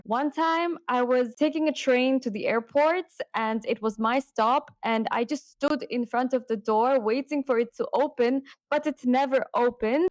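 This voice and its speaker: A young woman from Hong Kong, chatty and animated, talking casually to camera in a vlog. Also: a little high, no room sound. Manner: chatty and animated, with emphatic repeats. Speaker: vlogger.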